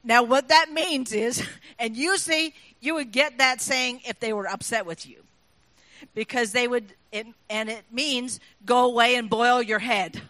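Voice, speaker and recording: A woman's voice: on the high side, unhurried, pushed and bright, no room sound. A woman giving an informal, chatty talk to listeners, explaining things and often putting questions to them. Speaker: speaker addressing an audience. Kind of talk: informal talk explaining sayings, with recited examples.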